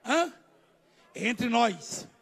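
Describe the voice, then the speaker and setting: A Brazilian man preaching a live church sermon, joking with the congregation and swinging from low asides to shouting. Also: big pitch swings, very slow, husky. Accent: Brazilian Portuguese. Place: large church hall.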